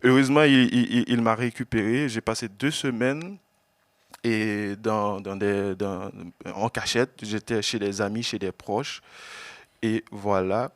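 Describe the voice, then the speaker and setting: A man from Haiti, an exiled journalist giving an earnest personal testimony to an audience, often halting and repeating words. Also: fairly low pitch, fairly even intonation, no echo. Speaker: exiled journalist speaking at an event.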